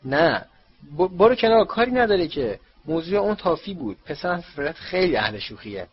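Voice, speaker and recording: A man's voice: medium pitch, animated, slightly rough, lo-fi sound. A man voicing a flustered, kindly middle-aged wizard father, speaking in an earnest, pleading way.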